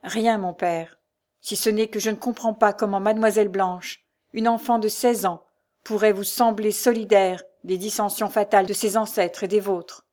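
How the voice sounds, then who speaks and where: A woman's voice: mid-range voice, fairly even intonation, normal speed, a little mellow, close to an everyday voice. A woman voicing a young male officer in a storybook, firm and earnest as he defies his father. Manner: firm, pleading.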